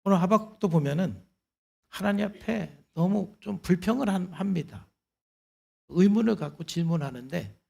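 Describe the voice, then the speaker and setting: A man's voice: a little high, gravelly, warm tone, slightly rough. A man preaching a sermon as pastor, explaining in an earnest, conversational way. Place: church service.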